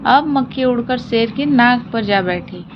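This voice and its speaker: A woman's voice: a little high, lively intonation, a little slow. A woman teaching children a textbook story, reading it and then retelling it in simple words while she asks and answers her own questions and drops in English words. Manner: mixes English words into Hindi. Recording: dull lo-fi audio with clear hiss.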